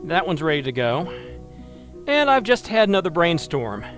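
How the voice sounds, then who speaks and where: Guy streaming a space game, wry and self-mocking, kinda high voice, faint music behind. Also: very animated, moderate pace. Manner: wry, self-deprecating, thinking aloud. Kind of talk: live gameplay commentary.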